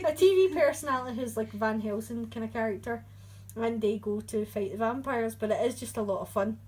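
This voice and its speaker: A woman's voice: a little high, fairly quick, a little mellow, a little hiss or hum, rough recording. A woman co-hosting a casual podcast chat, chatty and often searching for her words. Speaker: podcast co-host. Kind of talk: casual chat about horror movies.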